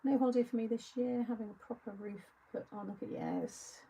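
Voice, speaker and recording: A woman's voice: on the high side, a little fast, dark tone, husky, rough recording. A woman hosting a live craft-along, chatting casually and answering viewer comments as she works. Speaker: craft show host.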